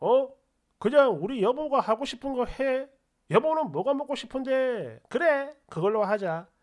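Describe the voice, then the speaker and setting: A woman's voice: high voice, expressive, a little slow, darkish tone. A woman voicing a considerate but stubborn husband in a narrated story, arguing back insistently. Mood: gentle.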